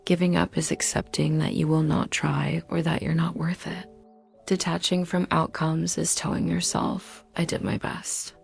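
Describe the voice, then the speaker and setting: A woman narrating a scripted self-help talk in a calm, measured way, sometimes dropping to breathy near-whispers. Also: sits low, soft background music. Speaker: motivational narrator.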